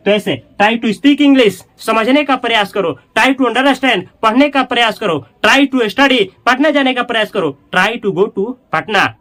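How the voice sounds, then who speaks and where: A man teaches spoken English to his viewers. He repeats every phrase slowly several times and talks to them directly and casually. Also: very high-pitched, fairly bright tone. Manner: chatty, addresses viewers directly. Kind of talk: Hindi-medium English lesson.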